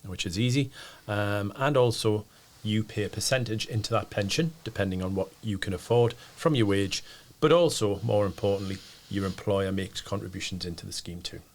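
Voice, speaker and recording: Bloke with a fairly low voice, adviser guest on a podcast, chatty explainer. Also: male voice, normal speed. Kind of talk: conversational explanation.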